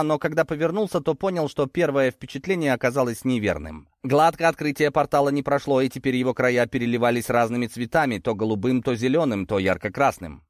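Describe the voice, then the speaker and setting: A man's voice: medium pitch, dry recording, clean studio sound. A man reading a first-person fantasy story aloud as scripted narration, dramatic and rising sharply in tense moments. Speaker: audiobook narrator.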